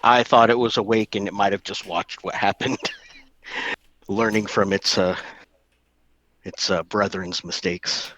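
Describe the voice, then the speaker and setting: A man with a lowish, bright and forceful voice plays a tabletop game, eager and jokey. His sound comes through a dull, lo-fi mic. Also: fairly even intonation, measured pace, long pauses, slight background noise. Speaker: player. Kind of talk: casual tabletop play.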